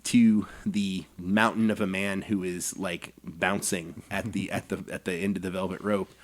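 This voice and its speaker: A man in his forties with a fairly low voice, co-hosting a podcast. He tells an anecdote in casual chat, lively and quick to laugh. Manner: animated anecdote telling with acted quotes and laughs. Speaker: podcast co-host.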